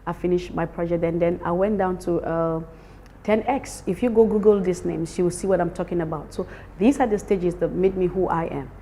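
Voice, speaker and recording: A woman from Cameroon, with a Cameroonian accent, is interviewed as a summit organiser and talks up the event emphatically, repeating words for stress. Her brisk voice is low, dark and fairly even in intonation, with a little hiss or hum.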